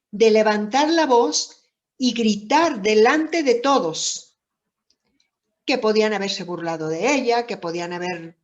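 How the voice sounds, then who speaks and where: A woman giving a reflective Bible lesson, speaking deliberately with many pauses and rhetorical questions. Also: medium pitch. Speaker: Bible teacher. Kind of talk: slow, reflective Bible teaching. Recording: dull lo-fi recording.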